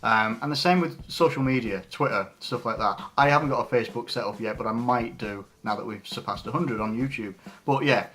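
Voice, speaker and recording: A man's voice: mid-range voice, brisk, fairly bright tone, a little hiss or hum. Rambling man in his twenties answering questions. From England. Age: 20s. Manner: rambling, frequent restarts and fillers. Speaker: YouTuber answering viewer questions. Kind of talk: unscripted casual Q&A.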